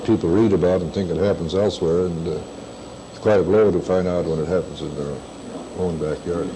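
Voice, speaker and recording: A very deep male voice from an old newsreel interview, with clear hiss and noise around it. He answers in plain, brisk phrases. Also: steady tone. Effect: old newsreel audio. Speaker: county sheriff. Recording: noisy old newsreel sound.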